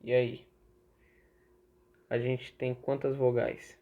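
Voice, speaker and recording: A man's voice: medium pitch, level tone, slow pace. A young Brazilian man giving a casual online lesson, chatty, asking and answering his own questions. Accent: Brazilian Portuguese. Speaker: teacher. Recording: tinny phone-like audio.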